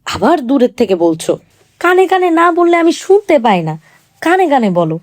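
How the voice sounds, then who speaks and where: A woman's voice: high-pitched, big pitch swings, normal speed, a little mellow, pitched above the performer's own voice. A woman voicing a sick, half-deaf young husband who petulantly keeps repeating his demands. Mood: frustrated, pleading.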